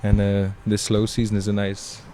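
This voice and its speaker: A young man from Belgium, a chef, calmly describing dishes in a casual interview. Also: fairly low pitch, a crowd in the background. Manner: plain, unhurried descriptions with fillers.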